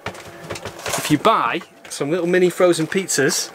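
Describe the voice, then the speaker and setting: A man's voice: a little high, a little slow, noisy background. A man in his thirties, hosting a sailing vlog and chatting as he explains boat chores. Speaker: vlog host. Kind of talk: casual vlog narration. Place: aboard a moored sailboat.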